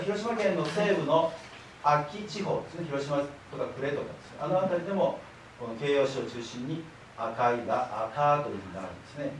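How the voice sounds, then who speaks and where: Man lecturing in a very echoey hall. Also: mid-range voice. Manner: patient explanatory, leads audience call-and-response. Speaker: lecturer, library director. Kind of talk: public lecture. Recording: very echoey hall, voice from far off, faint hiss.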